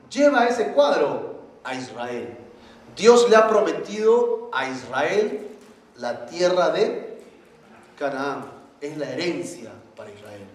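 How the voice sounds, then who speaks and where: A man preaching a sermon as pastor, animated and often asking the congregation questions. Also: a little high. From Peru. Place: church hall. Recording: very echoey church hall, faint noise.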